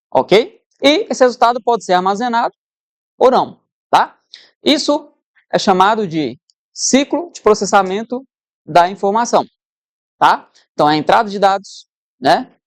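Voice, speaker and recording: A woman's voice: mid-range voice, a little mellow, no echo. A woman teacher giving an exam-prep lesson, conversational, who keeps checking in with her students.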